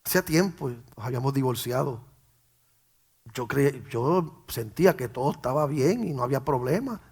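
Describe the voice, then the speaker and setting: A man's voice: mid-range voice, lively intonation, moderate pace, darkish tone, breathy edge. A middle-aged man, a pastor, telling a personal story in an emotional way and often repeating words. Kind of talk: personal testimony.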